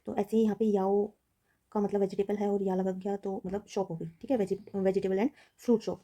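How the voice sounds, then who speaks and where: Young woman teacher, dark mellow voice, flat steady explaining delivery. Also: medium pitch, moderate pace. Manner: explains in Hindi mixed with read-out English passages, many fillers. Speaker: Japanese language teacher. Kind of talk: recorded lesson explanation.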